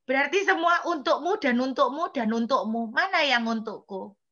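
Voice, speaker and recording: A woman's voice: high-pitched, expressive, normal speed, bright, forceful tone, muffled recording, pitched above the performer's own voice, full character voice. God's wry scolding voice, as a woman preacher puts it on. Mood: probing. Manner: scolding, wry rhetorical questions. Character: God, stern yet teasing divine voice.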